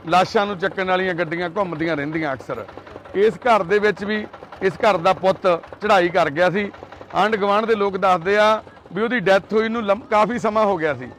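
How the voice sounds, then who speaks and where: This man has a high, fairly bright voice, and the recording carries a little hiss or hum. Reporting from the street, he first coaxes and pleads with the people he interviews, then turns to the camera for earnest social commentary.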